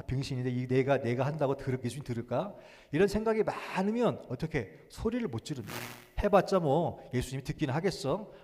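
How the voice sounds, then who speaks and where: A man preaching a Sunday sermon as pastor. He moves between loud, urgent exhortation and quiet musing, acts out inner thoughts in a small voice, and drops in short English phrases. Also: mid-range voice. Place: church sanctuary. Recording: long church reverb.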